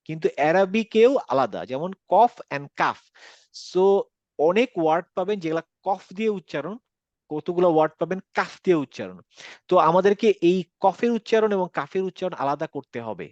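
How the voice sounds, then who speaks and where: A man's voice: sits high, big pitch swings, fairly quick, a little mellow, dry recording, muffled recording. A man with a Bangladeshi accent, teaching Quran pronunciation and explaining step by step with English words mixed in. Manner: explains step by step, mixes English words, asks checking questions. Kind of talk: online class lecture.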